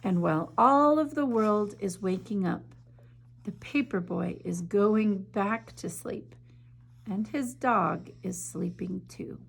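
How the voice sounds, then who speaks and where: Reading a storybook at an unhurried pace, a woman teacher softens her voice in the quiet parts, her medium pitch marked by clear vocal fry. Her reading is gentle and measured, but when talking about the art she gets eager and chatty.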